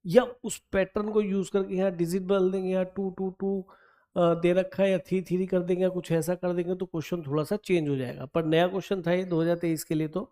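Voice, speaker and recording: A man's voice: high-pitched, level tone, brisk, warm tone. A man teaching maths, talking through an exam problem step by step and coaxing his students along in mix. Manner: coaxing, addresses students as beta, thinks aloud while counting. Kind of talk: explaining exam problem on a board.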